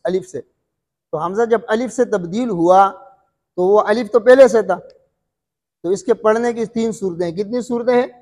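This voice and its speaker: A male recitation teacher with a high voice talks through a lesson, asking a question and then answering it himself, and often checking that his students follow. The sound rings on in a long hall reverb. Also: unhurried, long pauses, darkish tone. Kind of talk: classroom lesson.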